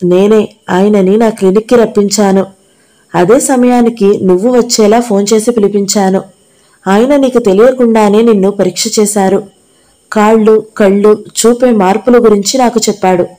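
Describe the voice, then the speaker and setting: A woman's voice: mid-range voice, steady tone, normal speed, warm tone, natural voice, poor audio. A woman reading the part of a kind young male doctor, speaking earnestly and reassuringly.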